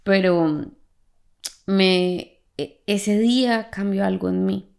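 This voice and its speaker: Creaky-voiced woman podcast host. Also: mid-range voice, takes it slowly. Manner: animated storyteller who laughs as she talks. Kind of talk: faith testimony conversation.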